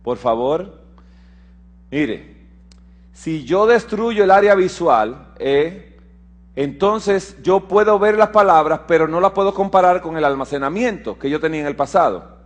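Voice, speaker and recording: A man giving a sermon mixed with a medical lecture, explaining step by step and checking that listeners follow, moving between emphatic raised passages and quiet low asides. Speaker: preacher and physician.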